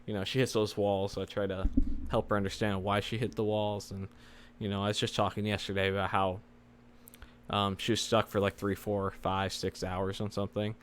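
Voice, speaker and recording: A man's voice: lowish voice, little pitch movement, normal speed, a little hiss or hum. A man giving casual, rambling advice as a developer vlog host, his words slightly slurred by the retainers in his mouth.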